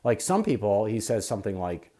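Animated, husky-voiced man preaching. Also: fairly low pitch, a little fast. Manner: animated, preachy, rambling with asides. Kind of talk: opinion monologue on faith.

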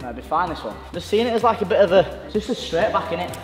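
A man's voice: high-pitched, big pitch swings, quick pace. Upbeat young man in an echoey gym. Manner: upbeat, explains moves plainly. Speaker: gymnast and channel host. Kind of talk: casual chat while training. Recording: echoey hall with music behind.

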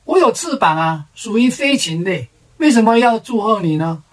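A woman's voice: medium pitch, very animated, normal speed, pitched above the performer's own voice. A woman voicing a smug, contrary little bat.

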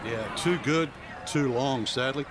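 A man's voice: medium pitch, unhurried, noisy background, close to an everyday voice. A man playing a frank golf analyst in a video game, adding conversational colour commentary in short asides. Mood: chatty, wry.

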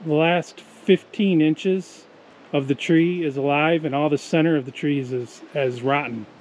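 A man's voice: a little high, steady tone, a little slow, darkish tone, slight background noise, low-quality recording. A man in his forties narrating casually while hiking a forest trail, musing aloud about the trees, recorded on an action camera outdoors. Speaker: hiking vlogger. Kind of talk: casual commentary on a hike. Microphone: action camera held or worn.

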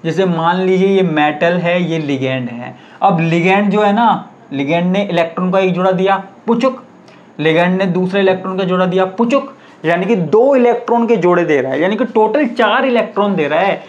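A man's voice: high voice, lo-fi sound. A man teaching a chemistry lecture, asking the class questions and answering them himself, repeating key terms.

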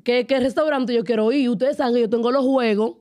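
High-voiced Dominican woman telling a story. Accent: Dominican Spanish. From Dominican Republic. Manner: animated storytelling, quick bursts. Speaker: podcast co-host. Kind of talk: casual chat.

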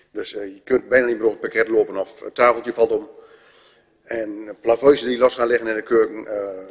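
Give me a low, husky man speaking haltingly at a council meeting, with reverb. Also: darkish tone. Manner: hesitant, halting, many restarts. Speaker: resident speaking at council debate. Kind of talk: unscripted public statement. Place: council chamber.

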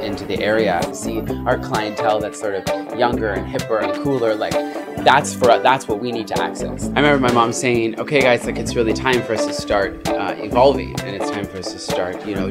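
A young man from a family bakery, talking casually and haltingly in an interview. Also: lowish voice. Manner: hesitant, full of restarts and fillers. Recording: loud music under the voice.

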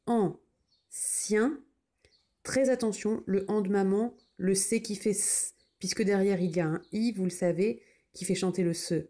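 A woman's voice: mid-range voice, a little mellow. A woman teaching children to spell, patiently sounding out words and naming their letters one by one.

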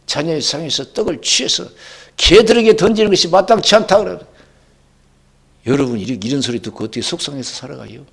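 A male pastor preaching a sermon, with sudden loud rising bursts and quoted dialogue. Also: on the high side, animated, fairly quick, gravelly, husky.

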